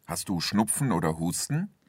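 Man playing a male doctor, low voice, dry close sound, soothing, gently jocular, scripted lesson dialogue. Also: big pitch swings, moderate pace, husky, dry recording, full character voice. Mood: friendly concern. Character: friendly reassuring male family doctor examining a patient. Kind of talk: scripted language-learning dialogue acting.

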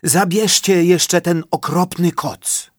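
A whimpering high boar. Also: male voice, fairly even intonation, slow, dry recording, clean studio sound. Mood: relieved. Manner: whimpering, pleading. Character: frightened wild boar stuck in a disguise.

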